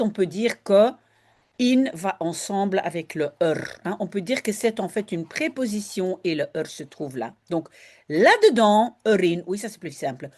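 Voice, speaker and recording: Slow, lively teacher, woman. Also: mid-range voice. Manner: slow, explanatory, switching between Dutch and French. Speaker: Dutch language teacher. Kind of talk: line-by-line reading and translation lesson.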